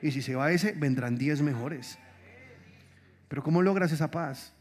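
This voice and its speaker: A man preaching a sermon as pastor, conversational and animated, asking the congregation many rhetorical questions. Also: a little high, a little slow, soft background music. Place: church.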